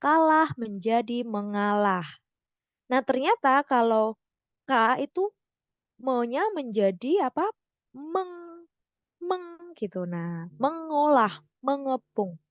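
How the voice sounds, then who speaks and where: A young woman tutoring online in a casual way, correcting herself and slowly stressing example words. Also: fairly high pitch, animated, dry recording, highs cut off. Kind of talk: explaining grammar lesson.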